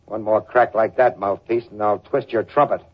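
A man's voice: lowish voice, fairly even intonation, moderate pace, slightly rough. An actor playing a tough, sardonic, wisecracking male private detective in slangy 1940s radio drama style. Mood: menacing. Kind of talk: 1940s hardboiled radio acting and narration. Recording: dull lo-fi old radio recording.

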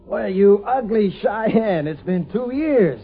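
Through a narrow, tinny vintage radio recording comes a cocky male frontier painter. He banters wryly and sardonically, his pitch moving freely in old radio drama fashion. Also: lively intonation, moderate pace, breathy edge, faint music behind. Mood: hearty, familiar. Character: cocky, wry frontier painter and war sketcher.

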